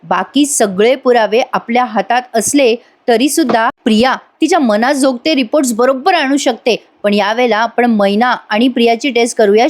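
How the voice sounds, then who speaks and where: Woman doing a clever young wife, calm, polite, higher voice. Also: lightly acted.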